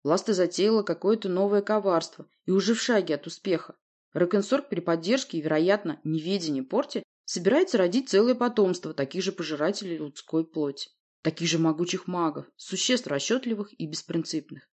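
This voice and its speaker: Low-voiced woman narrating a story. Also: lively intonation, a little fast, darkish tone. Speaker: audiobook narrator. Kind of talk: scripted narration.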